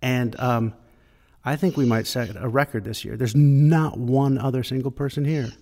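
A man's voice: medium pitch, normal speed, a little mellow. A man co-hosting a podcast in casual chat, hesitant with many fillers, recorded alone in an empty church sanctuary with a cathedral-like echo. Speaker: podcast co-host. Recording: echoey church hall reverb.

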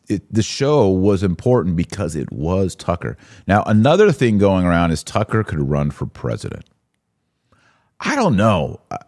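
His voice is on the low side and darkish as he hosts a live-stream podcast. The commentary is casual and conversational, halting, with repeated words and rhetorical questions.

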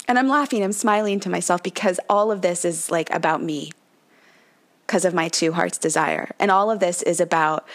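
Chatty, laughing woman podcast host. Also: fairly low pitch. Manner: chatty, laughs often, says "like" and "right?" a lot; dips into mock voices playing the number. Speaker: podcast host, numerology coach. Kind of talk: casual spiritual talk.

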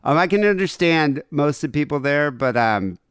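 A man's voice: fairly high pitch, animated, moderate pace, smooth, no room sound, clean studio sound. An American man hosting a podcast in a casual, joking, conversational style. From United States. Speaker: podcast host. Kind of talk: casual comic banter.

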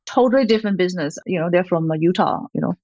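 A Malaysian gallerist in her fifties, a guest in a conversational interview, speaks in a fairly low, darkish voice at a rapid-fire clip. She rambles, filling her talk with fillers and light laughs, and the recording has no room sound.

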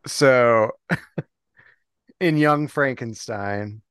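A man's voice: medium pitch, drawn-out words, fairly bright tone, clean tone, dry recording. A man co-hosting a podcast in casual chat, rambling from topic to topic and laughing often. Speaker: podcast co-host.

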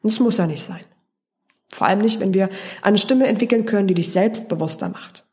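A woman's voice: medium pitch, fairly quick, a little mellow. German woman coaching on voice. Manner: coaching, direct and encouraging, asks the listener questions. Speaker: voice and speaking coach, podcast host. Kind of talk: podcast monologue addressing the listener.

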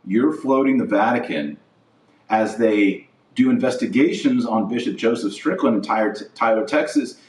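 This podcast host offers casual opinion commentary in a fairly deep, slightly mellow voice at a normal speed. Blunt and indignant, he drives his points home by repeating himself. The audio is echoey, with him set back from the microphone.

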